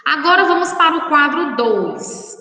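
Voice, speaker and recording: A woman schoolteacher with a Brazilian Portuguese accent, giving a lesson to young children and slowly spelling out words syllable by syllable in a patient, affectionate way. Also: high voice, sing-song, creaky, bright, forceful tone, reverberant, long reverb tail, recorded from a distance, low-quality recording. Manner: slow, drawn-out syllable-by-syllable dictation to children; affectionate, patient, addresses pupils as children and darlings. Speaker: primary school teacher. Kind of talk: recorded remote class lesson.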